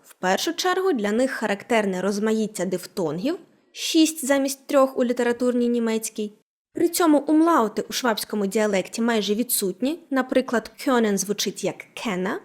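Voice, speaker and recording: Female teacher narrator, fairly high, very lively intonation, clearly enunciated scripted lesson. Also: normal speed. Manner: animated, clearly enunciated explanations. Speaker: language teacher.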